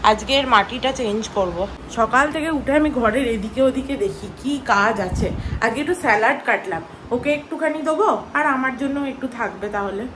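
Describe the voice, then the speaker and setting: A woman's voice: a little high, lively intonation, brisk, a bit bright, a little hiss or hum, rough recording. A young woman from West Bengal chatting to viewers in a casual daily-life vlog while she does chores at home. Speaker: vlogger. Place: home, indoors.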